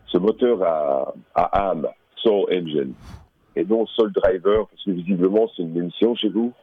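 A man's voice: sits low, a little slow, breathy edge, dry recording. A man phoning into a radio show, staying in character as a game explorer and talking in a hesitant, distracted way while commenting on what he sees. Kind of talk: in-character phone chat. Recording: tinny phone line.

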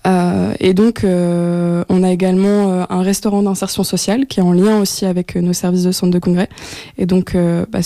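A young woman from France, a guest in a radio studio interview, talking with many fillers and pauses. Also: lowish voice, dark tone, no room sound. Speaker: guest, project coordinator.

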